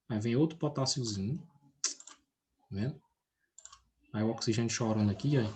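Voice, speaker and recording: A man's voice: mid-range voice, darkish tone, slight background noise. A male chemistry teacher, speaking from his computer during a class. He often stops to check in with students and ask questions. He explains ideas through everyday comparisons. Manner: checks in with students by name and asks frequent questions.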